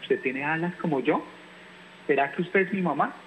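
A man reading aloud and voicing a small, lonely yellow bird boy who is looking for a mother, with a wistful, pleading way of speaking. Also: a little high, moderate pace, a little hiss or hum, close to an everyday voice, poor audio. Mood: hopeful.

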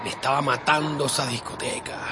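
A man's voice: mid-range voice, fairly even intonation, fairly quick, very noisy, lightly acted. An actor playing a grieving young man who has lost his best friend, speaking emotionally. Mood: sad. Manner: emotional, pleading. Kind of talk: dramatic acting.

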